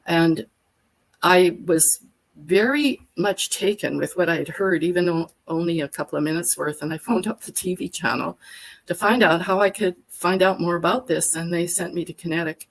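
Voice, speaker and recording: Here the older Albertan woman sounds fairly low-pitched and talks at normal speed, though the audio is poor. A guest on a casual live-stream conversation, this workshop facilitator spins her story out in long, detailed, chatty answers.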